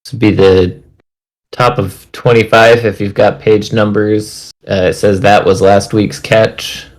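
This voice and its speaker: A man's voice: on the low side, flat delivery, unhurried, rough recording. A man from Michigan chatting casually at an online book club, giving brief agreeable replies.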